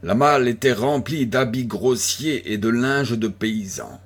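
A man reading a classic novel aloud as an audiobook narrator, slow and deliberate. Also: mid-range voice, lively intonation, husky. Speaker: audiobook reader. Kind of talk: scripted narration of a 19th-century detective novel.

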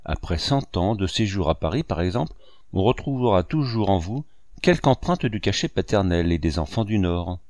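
A man reading an audiobook, voicing a kindly, good-humored painter and uncle who speaks warmly and teases gently. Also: low voice, lively intonation, normal speed, no echo, clean studio sound. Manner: warm, gently teasing.

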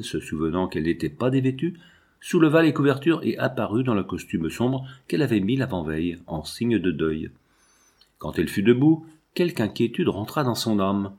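A man narrating a novel aloud as an audiobook reader, in a measured, even way. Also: lowish voice, breathy edge.

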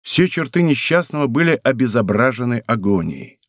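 A man narrating an audiobook in a measured, expressive reading from a studio. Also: medium pitch, no room sound. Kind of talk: scripted narration.

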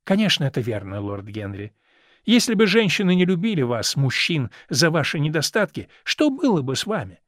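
A man's voice: a little high, sing-song, normal speed, a bit bright, no echo, studio quality. A man reading aloud and voicing a chatty, meddling older society lady who plays matchmaker, in a fussy, teasing manner.

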